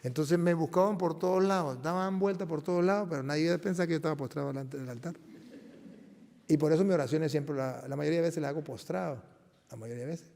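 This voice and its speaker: Earnest priest with a gravelly voice. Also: male voice, fairly high pitch, warm tone. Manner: earnest, emphatic, with many restarts. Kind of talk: personal testimony talk. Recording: long reverb of a large hall.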